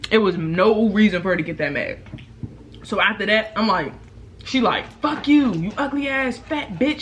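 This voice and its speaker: A young woman vlogger in a casual storytime, loose and animated, swearing freely and jumping into the voices of the people in her story. Her pitch sits in a typical middle range, with a faint hiss of noise behind her. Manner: animated, profane, acts out quotes. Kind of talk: casual storytime while eating.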